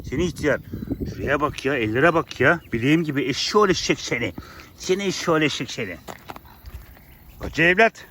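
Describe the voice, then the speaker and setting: A man's voice: a little high, expressive, fairly quick, sharp tone, slight background noise. A man talking outdoors to his farm animals, coaxing and scolding them fondly. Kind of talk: affectionate teasing talk to animals, vlog.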